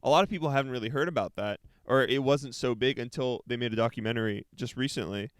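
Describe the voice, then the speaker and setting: A young man co-hosting a podcast in casual chat, chatty and quick to laugh, often trailing off mid-sentence. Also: medium pitch, dry recording, studio quality. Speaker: podcast co-host.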